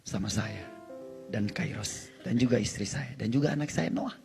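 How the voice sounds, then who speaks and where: A man sharing an emotional testimony, animated, often shouting and laughing as he tells his story. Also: on the low side, moderate pace, creaky, music in the background.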